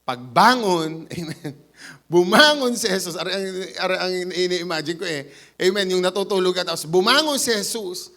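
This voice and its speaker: Speaking at a normal speed in a voice that sits high, this pastor delivers a lively church sermon in Batangas-accented Tagalog. He performs the quoted voices and occasionally switches to English.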